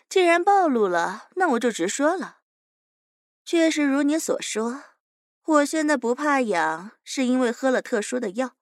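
A woman's voice: high voice, sing-song, slow pace, long pauses, no room sound, studio quality, heavily acted. A woman voicing a fearless, smug young captive who teases her interrogator and calls herself big sister, in an audio drama.

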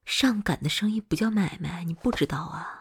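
A woman's voice: fairly low pitch, animated, moderate pace, exaggerated voice. A woman voicing a hot-tempered but doting older girlfriend in whispered role-play. She swears freely and swings between scolding and coaxing. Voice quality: very breathy, husky.

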